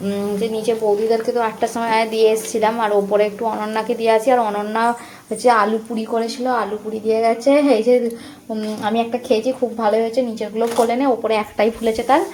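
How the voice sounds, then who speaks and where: A woman's voice: on the high side, little pitch movement, fast talker, a little mellow, slight background noise. A woman, chatting casually to viewers in a home vlog while she cooks in her kitchen. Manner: chatty, addresses viewers directly, frequent fillers. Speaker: home vlogger. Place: home kitchen with sizzling food.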